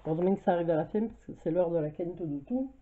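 Woman, French accent, low-ish voice with a cold, hesitant chatty crafter, tinny phone-like sound. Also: fast. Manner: chatty, hesitant, many fillers. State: has a cold, coughing. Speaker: craft vlogger. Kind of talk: casual haul video. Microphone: camera mic at home.

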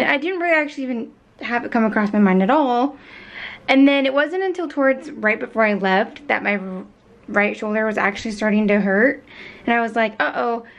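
Chatty woman vlogging on the go. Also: on the high side. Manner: chatty and lively, rambling with fillers. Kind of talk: casual vlog chat to camera. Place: outdoors and in her car on a hot day.

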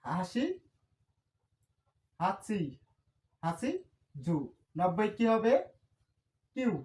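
A woman teaching a beginner language lesson, repeating each number and asking and answering her own questions, with quick self-corrections. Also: mid-range voice, expressive, a little mellow. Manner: corrects herself with quick "sorry". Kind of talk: whiteboard lesson explanation.

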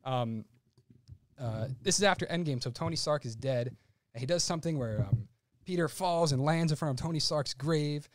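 A man's voice: fairly high pitch, animated, moderate pace, slight background noise. A man on a movie podcast, describing a film scene loosely with slang and many fillers. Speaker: podcast panelist. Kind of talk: casual movie podcast chat.

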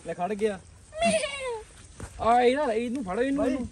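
A man's voice: extremely high pitch, moderate pace. A young man with a Punjabi accent, bantering casually with his friends. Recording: noisy outdoor and car phone audio.

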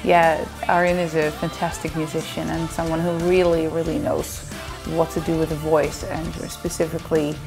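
Sitting on a sofa in her living room, a Dutch woman in her thirties answers fan questions to camera in a chatty, playful way, laughing often. Her deep, creaky voice has a flat delivery at normal speed, with music in the background.

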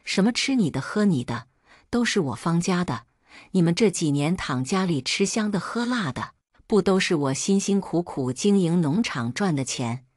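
A woman voicing a gruff, domineering older father-in-law who barks orders. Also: fairly low pitch, animated, normal speed, a little mellow, dry recording, studio quality. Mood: angry. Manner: barking, scolding.

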